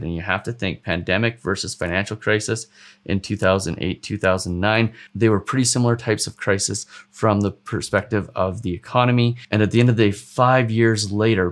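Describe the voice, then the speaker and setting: A man in his thirties, a mortgage advisor, explaining interest rates to camera from a studio desk in a steady, earnest way. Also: fairly low pitch. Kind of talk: explanatory video commentary. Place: dark studio set with purple backlight.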